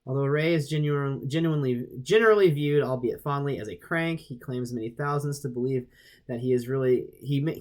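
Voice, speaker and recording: A young man casually reading a web page aloud and reacting, rambling with restarts and sudden jumps in pitch. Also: darkish tone.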